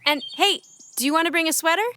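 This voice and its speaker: In a children's audio drama, a woman with an extremely high-pitched voice talks fast as a caring, fussy mother. She fusses over her young daughter warmly and teases her playfully.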